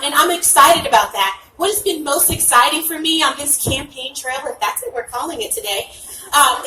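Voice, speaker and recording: A woman running for office gives an earnest speech at a rally, out of breath and often saying "um". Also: high-pitched. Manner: earnest, frequent "um" fillers. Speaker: candidate speaking at a rally. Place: outdoor rally stage. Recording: echoey, distant, noisy outdoor recording.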